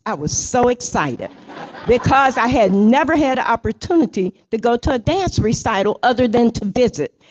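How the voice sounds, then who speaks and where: An older woman accepting an award, speaking off the cuff with emotion and building to rousing emphasis. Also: on the high side. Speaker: award honoree giving acceptance speech. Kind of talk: heartfelt acceptance speech. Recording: dull, muffled recording.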